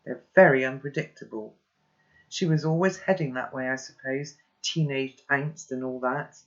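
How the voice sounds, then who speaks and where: A reader narrating a children's novel aloud in steady first-person storytelling. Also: mid-range voice, normal speed, lo-fi sound.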